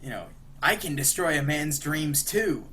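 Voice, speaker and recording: Man doing a cartoon clown villain, high theatrical voice, mocking, menacing, bright, loud. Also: expressive, unhurried, slight background noise.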